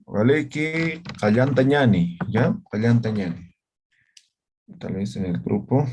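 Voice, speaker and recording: Male teacher, unhurried and husky, video-call class, keeps asking "right?". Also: medium pitch, animated, darkish tone. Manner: checks in with "¿ya?" and "¿no?" often. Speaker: Aymara language teacher. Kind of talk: online class explanation.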